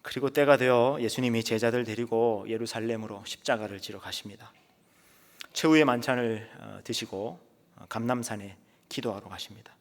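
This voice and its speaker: Speaking at normal speed with fairly even intonation, a mid-range male pastor delivers a sermon as dramatic storytelling, his phrases frequently trailing into a whisper. It's recorded in a church sanctuary with long reverb.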